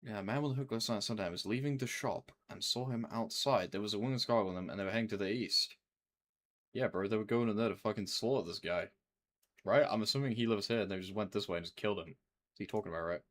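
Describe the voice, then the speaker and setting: A man's voice: on the low side, fast talker, fairly bright tone. A man giving casual, slangy gameplay commentary, often muttering to himself and swearing. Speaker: video game streamer.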